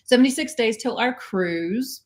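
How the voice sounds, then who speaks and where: A woman's voice: a little high, animated, unhurried, slight background noise. A woman co-hosting a casual cruise livestream from home, chatty and giggly with many fillers. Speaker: co-host of a cruise channel livestream. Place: home indoors.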